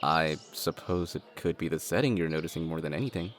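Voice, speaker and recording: In an audio drama, a man with a rumbling low voice plays a level-headed, slightly dorky adult brother. He talks in a measured, wry way, reasoning things through.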